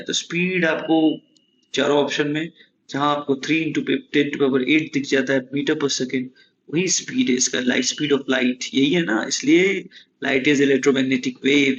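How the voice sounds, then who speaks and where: A man's voice: medium pitch, a bit bright, a little hiss or hum. Male exam-prep tutor, casual lecture over slides, mid voice, somewhat muffled audio. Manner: chatty, repeats "ठीक है?" to check in. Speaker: exam coaching teacher. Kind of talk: casual Hindi-English lecture. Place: room at home, AC running.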